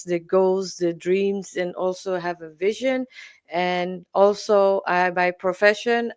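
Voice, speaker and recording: A woman's voice: on the low side, clean tone, no room sound, studio quality. A woman in her forties from Fiji, a business mentor, introducing herself formally on a livestream. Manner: formal, warm greeting.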